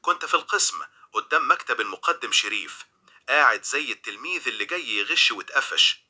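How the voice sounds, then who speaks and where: A man's voice: medium pitch, lively intonation, fast talker, sharp tone, breathy edge. A young man with an Egyptian accent reading a dramatic first-person crime story. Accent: Egyptian Arabic. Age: young adult. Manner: dramatic, tense.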